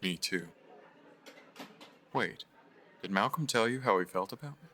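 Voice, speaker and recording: A guilty young man in an audio drama; low, bright voice, soft and halting, drops to near-whispers. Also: animated, a little hiss or hum. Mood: wistful. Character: guilt-ridden young man, former friend. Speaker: Wes Campbell.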